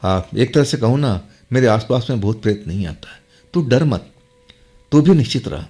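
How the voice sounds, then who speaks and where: A man's voice: medium pitch, animated, normal speed, mellow, breathy edge. A man voicing a stern, devout father who firmly reassures his son in a told horror story.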